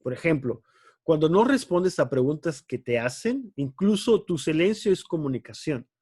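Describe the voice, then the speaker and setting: Earnest pastor teaching youth. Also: male voice, a little high, lively intonation, moderate pace, a little mellow, slightly rough, no room sound, clean studio sound. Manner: earnest, emphatic, asks rhetorical questions. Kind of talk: youth Bible class.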